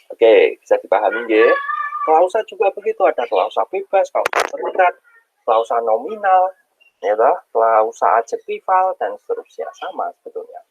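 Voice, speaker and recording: A man's voice: mid-range voice, very animated, moderate pace, highs cut off, slight background noise. A male university lecturer speaking with a tinge, giving an informal online lecture with many fillers and acted-out example sentences.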